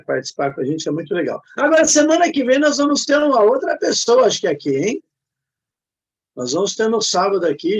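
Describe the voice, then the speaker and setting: A man's voice: a little high, vocal fry. A man with a Brazilian Portuguese accent hosting a casual online chat, hesitant and encouraging, full of filler words. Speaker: host. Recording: muffled lo-fi audio.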